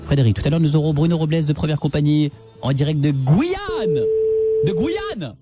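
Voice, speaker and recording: A male radio host on a prank call show, bantering in excited slang. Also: on the high side, moderate pace, loud music behind the voice.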